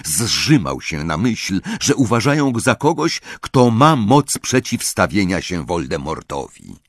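A man reading an audiobook in a measured, expressive way. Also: sits low, breathy edge, no echo, clean studio sound. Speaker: audiobook reader. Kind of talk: audiobook narration.

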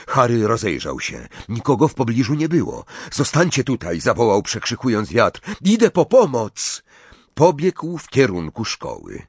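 A man reading a story aloud as an audiobook narrator, in an expressive, dramatic way. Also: medium pitch, husky, dry recording. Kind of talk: scripted narration.

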